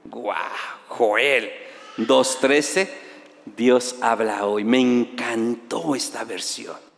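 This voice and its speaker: A man with a Mexican Spanish accent preaching a sermon as pastor, animated and storytelling, rising at times to shouts. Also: medium pitch, very slow, gravelly. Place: church auditorium. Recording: long reverb of a church hall.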